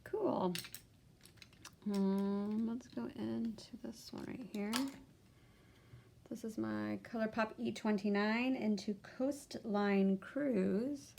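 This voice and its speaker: A woman's voice: mid-range voice, steady tone, slow pace, gravelly, dark tone, slight background noise. A young adult woman narrating a makeup tutorial, chatty as she talks through each step of her look. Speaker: beauty vlogger.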